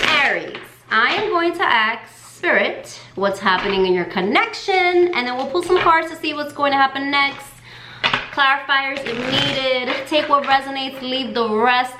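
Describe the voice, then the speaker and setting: A woman giving a casual tarot reading, chatty and full of fillers, in a voice she calls her lower fall voice. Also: reverberant, noisy background. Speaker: tarot reader.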